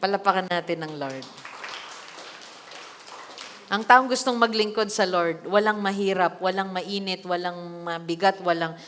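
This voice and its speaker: A woman pastor preaching a sermon in a church hall, reading scripture and adding lively asides with acted quotes. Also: lowish voice, a little slow, pauses often, a little hiss or hum. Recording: long hall reverb.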